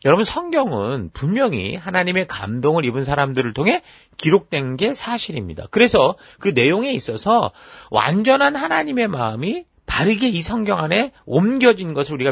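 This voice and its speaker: A man gives a chatty Bible-teaching sermon, his pitch leaping around as he acts out voices. His voice is a little husky. The sound is dry and close. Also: no room sound. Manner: conversational, lots of fillers; animated, acts out quoted voices. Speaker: pastor.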